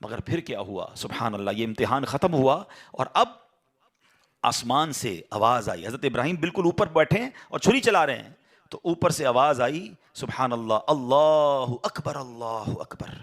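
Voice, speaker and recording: A man's voice: mid-range voice, animated, a bit bright. A male preacher telling a story in a sermon, emotional and full of rhetorical questions and exclamations.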